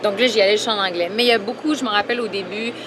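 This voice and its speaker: A woman's voice: mid-range voice, racing. A woman with a Québécois accent giving a candid, chatty street interview answer. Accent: Québécois French. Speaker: passer-by interviewee. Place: outdoors on a city street. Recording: noisy outdoor street recording. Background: traffic noise.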